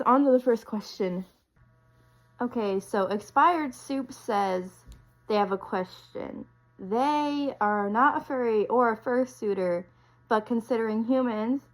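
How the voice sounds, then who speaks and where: A content creator in her twenties, sniffly as she gets over a cold, chats casually and rambles with ums and small laughs. Her voice is on the high side, and the recording is low quality.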